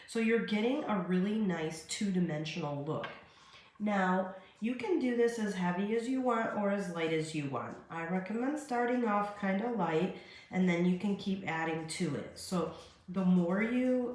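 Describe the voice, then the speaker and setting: A woman in her forties with a slightly stuffed-up, lowish, mellow voice hosts a casual craft demo at her kitchen counter, chatting warmly with plenty of fillers and asides. A phone camera on a stand records her in the echoey kitchen with faint ambient noise.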